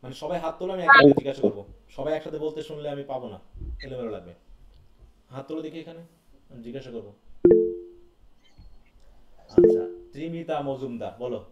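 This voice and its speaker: A man's voice: medium pitch, expressive, brisk, long pauses, fairly bright tone. A man teaching an online class, quizzing students and calling on them by name. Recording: roomy echo from far off the mic.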